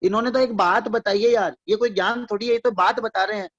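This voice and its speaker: A man with a high-pitched, steady-toned voice lectures on economics at a quick pace, classroom style. Repetition drives his explanations, and he keeps quizzing his listeners, warmly calling them his students. The sound is dull, lo-fi, and dry.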